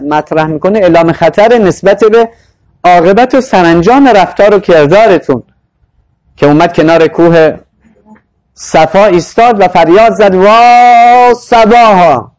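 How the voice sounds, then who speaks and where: A man giving a sermon on Quranic verses, reciting the Arabic lines slowly and then explaining them in conversational speech. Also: on the high side, a little mellow, rough recording. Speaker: Quranic lecturer.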